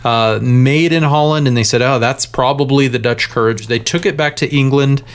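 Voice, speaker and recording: Male podcast co-host, mid pitch, relaxed explainer, casual chat. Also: moderate pace. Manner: explanatory, joking, enthusiastic about drinks.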